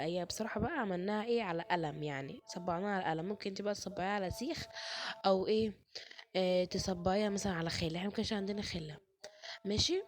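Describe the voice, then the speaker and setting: A hoarse woman with an Egyptian accent, chatting to her viewers while cooking in a home kitchen. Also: mid-range voice, darkish tone. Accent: Egyptian Arabic. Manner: chatty, addresses viewers directly. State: hoarse, sore chest, fasting. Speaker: cooking vlogger. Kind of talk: casual chat narrating cooking.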